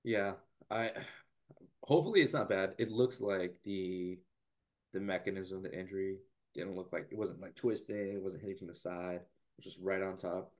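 Low-voiced male co-host, hoarse from losing his voice, halting casual sports chat. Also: steady tone. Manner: halting, many restarts and fillers. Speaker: podcast co-host.

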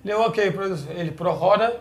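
A middle-aged man from Brazil with a Brazilian Portuguese accent, a guest speaking simple, halting non-native Greek in a casual interview and acting out remembered dialogue. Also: sits high. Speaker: guest, former footballer.

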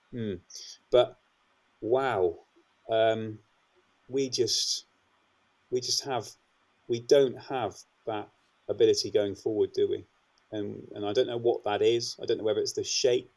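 A man on a football podcast panel, talking in an exasperated, halting way with many restarts. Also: fairly low pitch. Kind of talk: casual football podcast chat.

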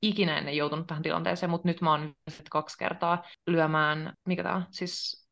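A young woman co-hosting a podcast, chatting casually in a lively way and laughing often. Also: deep voice, gravelly. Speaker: podcast co-host. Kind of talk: casual chat.

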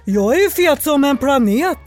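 A woman's voice: high-pitched, animated, faint music behind, voice pushed up. A woman doing a quacking evil duck spirit. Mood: menacing. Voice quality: harsh quacking voice. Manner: shouting, threatening. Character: nasty quacking male duck spirit in a bottle.

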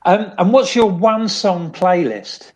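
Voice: medium pitch, expressive, takes it slowly. Offhand co-host with a mid-range voice. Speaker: podcast co-host. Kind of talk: casual chat, asking quick-fire questions.

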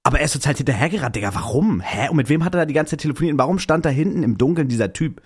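A young man co-hosting a podcast, telling a story excitedly in slangy casual chat. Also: on the high side, rapid-fire, breathy edge. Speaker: podcast co-host.

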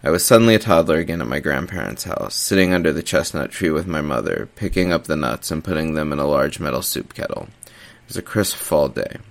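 Deep, gravelly male horror narrator. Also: lively intonation, brisk. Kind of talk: scripted horror story narration.

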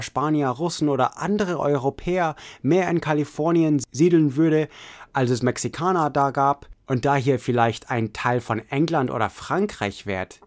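Man, history narrator, second-person storytelling, earnest, a bit high. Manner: earnest storytelling, addresses listener as you.

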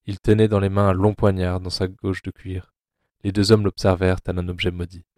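A man narrating an audio drama in a grave, measured way. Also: low-pitched, flat delivery, darkish tone, no room sound, studio quality.

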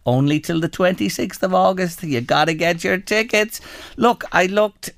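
A man hosting a radio show, chatting with a guest and reading out ticket details briskly. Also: sits high, a bit bright, no room sound, clean studio sound. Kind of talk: casual interview chat, reading out plugs. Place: radio studio.

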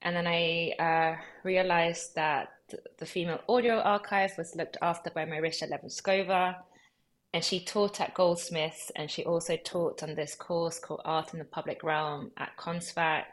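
Speaking at a normal pace in a low-leaning voice, this thirtysomething woman, Peruvian-born and brought up in LA and London, is the guest curator in a laid-back interview. She chats freely, peppering her talk with fillers and "likes" and laughing readily.

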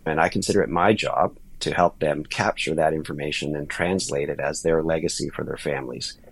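A man answering as a podcast guest, explaining in a measured, informal way. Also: rumbling low, steady tone, gravelly, slightly rough. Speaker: podcast guest, estate lawyer.

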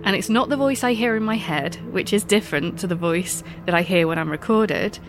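With faint music playing behind her, a woman speaks fairly quickly in a medium pitch. On her podcast she performs a scripted monologue of wry, self-mocking stories, sounding stuffed up after recently being ill.

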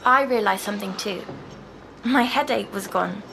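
A woman, softly recounting a dream as a patient in an audio drama. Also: mid-range voice, creaky, noisy background, lightly acted. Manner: soft, slow, dreamy recounting.

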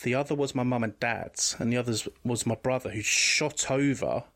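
A man's voice: mid-range voice, moderate pace, vocal fry, fairly bright tone. Guy, 30s, telling his story straight, lots of restarts, mid voice. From England. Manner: candid, rambling with restarts. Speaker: guest. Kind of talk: personal storytelling in conversation.

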